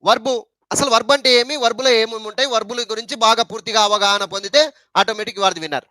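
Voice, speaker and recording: High-voiced man teaching English grammar. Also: quick pace, sharp tone, dry recording. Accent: Telugu. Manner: repetitive, emphatic teaching with rhetorical questions. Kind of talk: spoken English lesson in Telugu.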